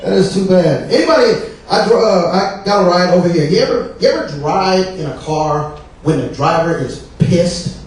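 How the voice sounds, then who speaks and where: A man's voice: high-pitched, animated, moderate pace, a little hiss or hum. A male stand-up comedian from the American South, telling a profane, rambling set full of fillers. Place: comedy club stage. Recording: very echoey club, mic distant, crowd laughter. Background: audience laughter.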